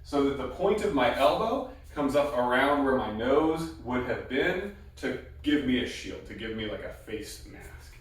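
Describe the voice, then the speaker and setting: A man's voice: medium pitch, lively intonation, unhurried, hardly any pauses. Guy teaching martial arts basics step by step, short repeated cues, super echoey room, mic kinda far away. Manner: explains step by step with short repeated cue words. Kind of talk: instructional demonstration talk.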